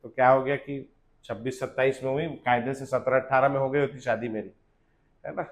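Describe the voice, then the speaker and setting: A man in his thirties teaching chemistry to a classroom in a casual lecture. He asks tag questions over and over and makes the class chant formulas loudly and slowly. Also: medium pitch, fairly even intonation. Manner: chatty, rhetorical tag questions, drills formulas by loud slow chanting.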